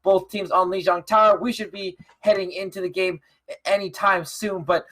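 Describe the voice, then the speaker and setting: Chill co-caster on an esports stream, mid pitch, laughs a lot. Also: fairly even intonation, moderate pace, fairly bright tone. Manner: laid-back, laughs easily. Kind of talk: casual live game commentary.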